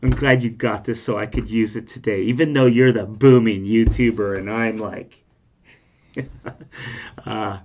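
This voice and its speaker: A man's voice: lowish voice, fairly even intonation, measured pace, long pauses, darkish tone, slight background noise. Male reaction-video host, informal and conversational, rambling through personal stories like he's chatting with friends. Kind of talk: casual rambling chat and storytelling.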